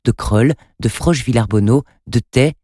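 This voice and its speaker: A man narrating a storybook in a steady, even reading voice. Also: mid-range voice, normal speed, slightly rough, no room sound, clean studio sound. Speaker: narrator and radio presenter.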